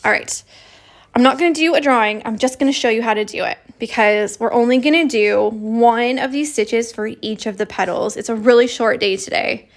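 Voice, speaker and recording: Chatty woman with a fry-edged voice. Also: on the high side, fairly quick. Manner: chatty, lots of "like" fillers. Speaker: embroidery teacher. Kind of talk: casual livestream stitching lesson.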